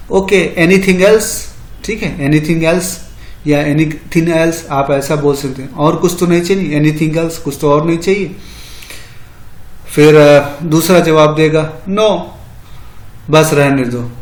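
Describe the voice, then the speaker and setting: A man teaching beginner English in a slow, deliberate way, with a voice set a little high for a man. He gives each phrase in Hindi, then repeats the English version again and again, often stopping with "ठीक है". The room is echoey and reverberant. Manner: frequent "ठीक है" fillers. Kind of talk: spoken English lesson.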